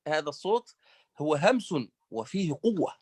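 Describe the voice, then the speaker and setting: A man's voice: a little high, animated, moderate pace, a little mellow, no room sound. A man teaching Quran recitation, who leaves words unfinished for the listeners to fill in and drills each letter sound over and over. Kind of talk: online tajweed lesson.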